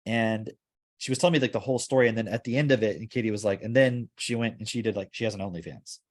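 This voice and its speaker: A podcast host with a lowish voice talks fast in a casual discussion. He rambles as he works through his points, leaning heavily on "like."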